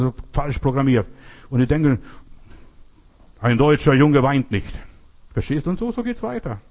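An older man delivers a sermon in a husky, mellow voice. He drifts into folksy childhood stories and keeps asking rhetorical questions. His pitch sits a touch higher than most men's. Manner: folksy storytelling, rhetorical questions, repeats "verstehst du". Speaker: preacher.

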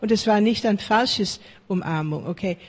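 A woman preaching a sermon in lively, chatty talk, often checking in with her listeners, with slightly broken grammar. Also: medium pitch, moderate pace, slightly rough, long reverb tail.

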